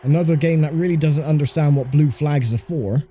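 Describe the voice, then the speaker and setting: Mellow-voiced man doing casual gameplay commentary. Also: on the high side, brisk. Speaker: gaming commentator playing a racing game. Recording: faint car engine noise behind voice. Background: racing game engine sound.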